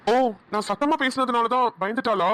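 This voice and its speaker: A woman's voice: a little high, a bit bright, no room sound, close to an everyday voice. A woman voicing a brash, hot-tempered young guy. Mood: sulky. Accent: Namakkal Tamil.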